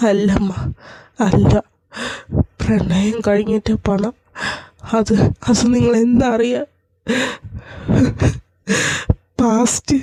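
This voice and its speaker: A woman's voice: on the high side, dark tone. A woman doing a tearful teenage son. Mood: defiant. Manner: pleading, tearful. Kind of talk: amateur fan drama.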